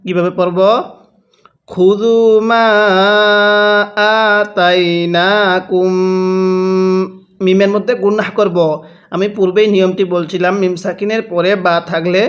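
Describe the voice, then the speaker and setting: A man teaching Quran reading, drawing out each recited word very slowly and then explaining the rules briskly, often asking listeners to repeat after him. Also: sits high, flat delivery, darkish tone, lo-fi sound. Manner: repeatedly asks listeners to read along with him. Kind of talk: slow recitation drill with quick spoken explanations.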